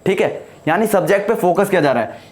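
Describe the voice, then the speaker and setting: A man teaching an English grammar lesson at a whiteboard, explaining slowly, repeating points and asking the class questions. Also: high-pitched, expressive, noisy background.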